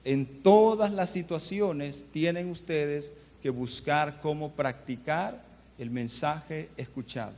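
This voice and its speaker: Pastor preaching in an echoing hall. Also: male voice, fairly high pitch, takes it slowly, darkish tone. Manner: earnest storytelling, addresses the congregation often. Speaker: guest pastor. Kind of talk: sermon. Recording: long church reverb, faint background noise.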